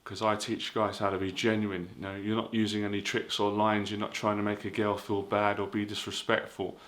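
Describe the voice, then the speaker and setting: A man's voice: on the low side, level tone, a little fast, a bit bright. A man giving casual dating advice in an earnest, repetitive way, full of fillers. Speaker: dating coach.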